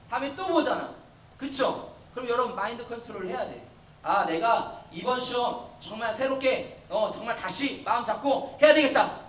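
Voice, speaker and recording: In a church hall, a young youth pastor with a very high, slightly bright voice preaches to middle schoolers. He's coaxing and playful, regularly raising his voice to stress points, and the distant, echoey recording carries faint noise.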